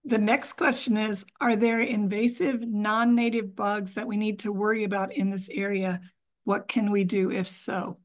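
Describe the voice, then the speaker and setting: Woman moderator reading questions off-mic, slow and measured. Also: medium pitch, flat delivery. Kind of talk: reading audience questions aloud.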